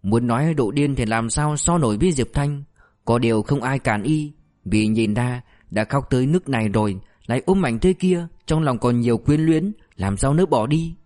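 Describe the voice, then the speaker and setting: A man reads a novel aloud as an audiobook narrator. His delivery stays steady and even, at a middle pitch. The reading is plain and scripted. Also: moderate pace.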